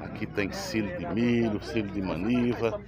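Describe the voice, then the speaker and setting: A man's voice: on the low side, moderate pace, very noisy. A man with a Pernambuco accent, a vlogger giving a casual guided tour of an outdoor cattle and feed market, chatting to viewers. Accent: Pernambuco Portuguese. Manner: chatty, addresses viewers, thanks people often. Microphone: camera held by the speaker. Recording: lively crowd around outdoors.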